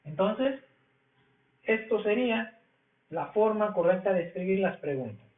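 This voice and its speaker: A man with a Mexican Spanish accent gives a recorded English grammar lesson, his voice sitting high for a man. He explains slowly, going over each point again and again. The sound is thin and phone-like, with a roomy echo. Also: expressive. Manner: slow, repetitive explaining. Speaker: English teacher.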